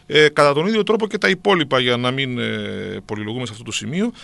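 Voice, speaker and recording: A man's voice: medium pitch, vocal fry, a bit bright, no echo. A middle-aged man explaining at length to a co-host, with many hesitant fillers. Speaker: guest.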